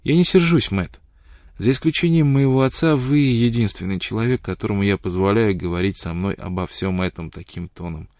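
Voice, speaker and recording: A man voicing a proud, quick-witted young woman who answers with sharp, challenging retorts. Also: on the low side, no room sound, studio quality, natural voice. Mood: earnest.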